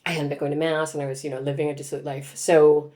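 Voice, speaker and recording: A woman's voice: sits low, flat delivery, quick pace, warm tone. A woman in her forties, a guest author, telling her story in reflective, casual conversation with frequent laughs.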